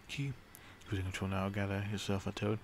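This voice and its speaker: Low-voiced man narrating a grim game story. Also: fairly even intonation, fast talker, slight background noise. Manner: rambling, swears casually, brooding dramatic storytelling. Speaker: game streamer. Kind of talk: in-character narration of a strategy game.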